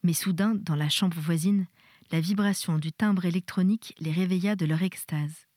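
A woman reading a novel aloud in a soft, intimate style, sometimes dropping to a whisper. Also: fairly low pitch, normal speed, dry recording, studio quality. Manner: soft, intimate, drops to a whisper in tender passages. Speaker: reader.

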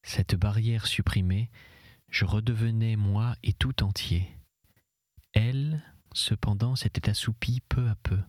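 A man narrating a literary novel in the first person in an audiobook, in measured, often hushed and breathy tones. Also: fairly low pitch, fairly even intonation, no room sound. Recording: dry close recording.

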